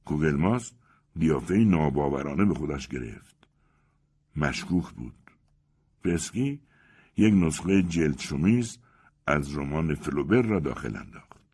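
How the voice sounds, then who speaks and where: A man narrating an audiobook story with expressive storytelling. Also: extremely low pitch, pauses often, breathy edge. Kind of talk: scripted narration.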